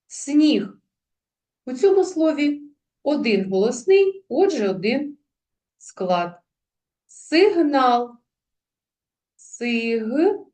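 A woman's voice: high voice, very animated, slow pace, a little mellow. A woman teacher giving a video lesson to young pupils. She speaks carefully and sounds out words syllable by syllable. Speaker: primary school teacher.

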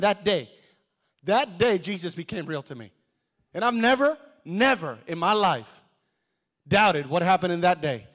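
High, bright-voiced preaching pastor. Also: male voice. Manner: passionate testimony, shouting at peaks. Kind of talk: sermon. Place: church sanctuary.

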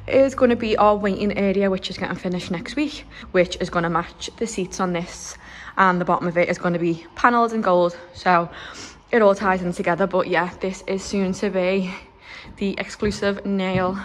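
A young woman from Liverpool, a nail salon owner, chatting excitedly with lots of fillers as she films a walkthrough of her salon under renovation on her phone. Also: fairly low pitch, a little hiss or hum. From Liverpool, England. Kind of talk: walkthrough vlog.

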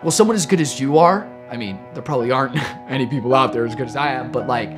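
A man's voice: medium pitch, fast talker, over music, natural voice. A young man playing a self-important, obsessive social media dancer in a scripted mockumentary comedy, grandiose and earnest. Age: young adult. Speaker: comedian playing lead in sketch.

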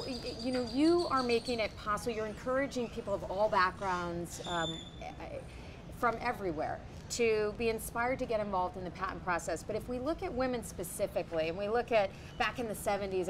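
A young woman interviewer whose questions sound enthusiastic and affirming. Her voice sits at a middling pitch. Clear outdoor traffic noise runs behind her on the patio. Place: outdoor patio of a city building. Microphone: camera mic, seated.

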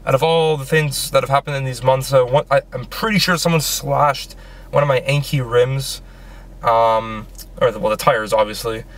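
A young Canadian vlogger speaks at normal speed in a mid-range voice with fairly even intonation. His loose, rambling car-vlog chat is full of ums and restarts, recorded in a small car and then a snowy lakeside parking lot.

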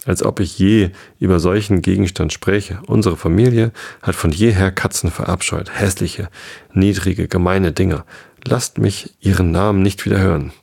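A man voicing an angry little female mouse with a shrill, shrieking voice in a storybook reading. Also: steady tone, normal speed, gravelly, darkish tone, slightly rough, heavily acted. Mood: disgusted.

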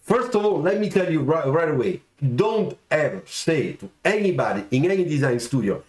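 A fairly high-pitched middle-aged man talks at normal speed, offering career tips to viewers over a livestream from his home studio. He gestures constantly, stays animated, and often checks in with "okay?" in a room that echoes.

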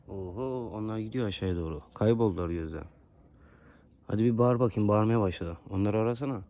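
A man's voice: lowish voice, fairly quick, warm tone, lo-fi sound. A man keeping geese, talking to them affectionately like children while filming them outside. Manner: coaxing, talks to his geese like children. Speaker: goose keeper filming his geese. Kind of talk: casual vlog talk to animals. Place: outdoors among geese.

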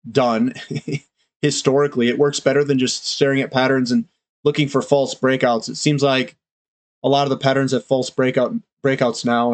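A man's voice: medium pitch, no room sound. A man, congested from a cold, giving casual, rambling market commentary as the host of a finance channel. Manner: loose, rambling, with frequent fillers.

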